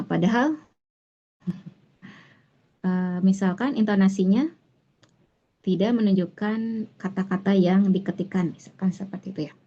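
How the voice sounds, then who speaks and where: A female tutor explains a reading passage patiently in an online class, pausing often with fillers and restarts. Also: medium pitch, mellow. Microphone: online class recording. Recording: muffled lo-fi online class audio.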